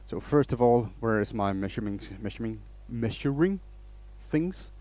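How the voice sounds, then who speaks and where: His medium-pitched voice is expressive and dark in tone, moving at a moderate pace. He's a Danish host of a casual woodturning livestream who rambles and restarts lines while welcoming the people watching and chatting as he works.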